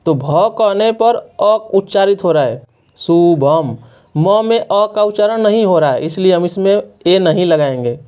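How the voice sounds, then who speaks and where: Male teacher, clear ringing tone, repeats each point as a question and answer. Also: sits high, animated, normal speed, hardly any pauses, darkish tone. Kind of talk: classroom lesson explaining spelling.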